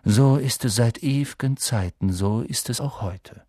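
Man voicing a melancholy centaur, slow solemn sighing delivery, low somber tone, evasive, audiobook character. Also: dark tone, no echo, clean studio sound, natural voice. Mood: cryptic.

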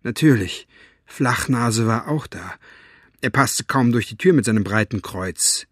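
A man narrating an audiobook with a measured storytelling delivery. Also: medium pitch, lively intonation, fairly bright tone, no room sound, clean studio sound. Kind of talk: scripted narration.

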